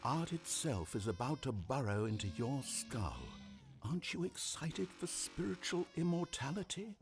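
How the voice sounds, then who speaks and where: Animated, theatrical male game narrator. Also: medium pitch, normal speed, over music. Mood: coaxing. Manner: theatrical, grandiose, mock-earnest. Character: effusive, theatrical, needling male narrator addressing the player. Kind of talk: scripted narration.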